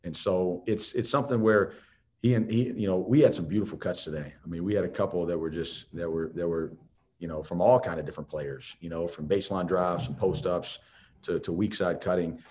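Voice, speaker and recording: Deep-voiced coach fielding press questions. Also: male voice, brisk, darkish tone. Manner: conversational, many restarts and "you know". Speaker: head basketball coach. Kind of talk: post-game press conference answers.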